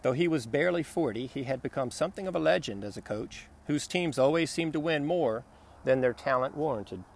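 A man narrating a business novel in a steady, plain storytelling voice. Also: fairly high pitch, brisk, gravelly, husky. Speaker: audiobook narrator. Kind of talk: scripted narration.

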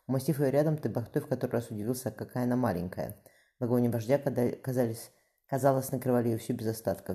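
Fast, very dark-toned audiobook narrator. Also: mid-range voice. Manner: brisk reading with occasional slips. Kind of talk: novel narration.

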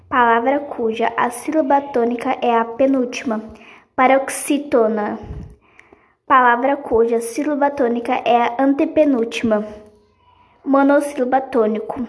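A woman reading a grammar lesson aloud in a slow, halting way, restarting on some words. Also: high-pitched.

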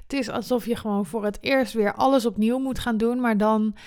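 A woman's voice: on the high side, fairly even intonation, a little fast, a little mellow, dry recording, clean studio sound. A woman in her twenties hosting a personal podcast, speaking candidly and swearing freely. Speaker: podcast host.

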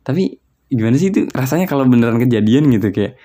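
A man's voice: medium pitch, expressive, quick pace, mellow. A young man from West Java in a casual solo chat, rambling and musing aloud with lots of filler words. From West Java, Indonesia.

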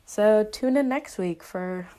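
A woman's voice: medium pitch, slow pace, warm tone. Chatty young woman podcasting solo. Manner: chatty, rambling, heavy use of "like". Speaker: podcast host. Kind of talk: casual solo podcast monologue.

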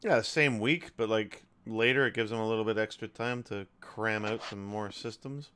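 A man hosts a casual podcast with a bright, crisp voice. He talks loosely, cracks jokes and swears freely. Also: fairly low pitch, moderate pace. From Canada. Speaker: podcast host.

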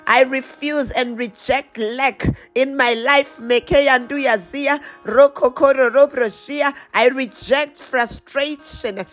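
Woman prayer leader, high voice, fervent slow declarations in tongues over faint music. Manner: slow, rhythmic, repeated declarations.

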